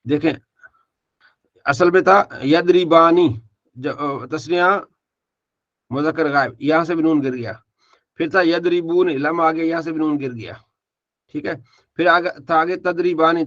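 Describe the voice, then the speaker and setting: A man with a slightly raised pitch teaches an online grammar class. He works through verb forms one by one and asks questions before he answers them. The recording is dull and lo-fi. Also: fairly bright tone. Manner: drills students by asking and answering his own questions, repeats forms.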